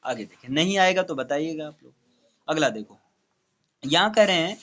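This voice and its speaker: A man's voice: fairly high pitch, animated, moderate pace, fairly bright tone, highs cut off. A male tutor teaching maths to a student, explaining step by step and checking in often. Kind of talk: classroom maths lesson.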